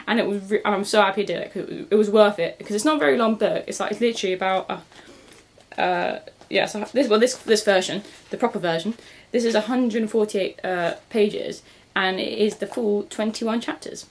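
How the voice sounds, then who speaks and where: A woman's voice: medium pitch, fairly quick, hardly any pauses. Chatty young woman reviewing books. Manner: rambling, self-correcting, laughs often. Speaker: book vlogger. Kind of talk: casual book review chat.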